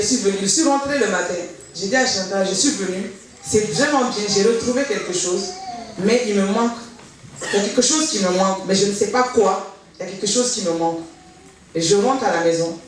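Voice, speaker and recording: A woman tells her personal testimony, bringing her story to life by acting out the conversations she remembers. Her voice sits at an ordinary middle pitch. It reaches the mic from a distance, ringing through a strongly echoing hall with a faint hiss of noise behind it. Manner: animated, acts out remembered dialogue. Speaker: church member giving testimony.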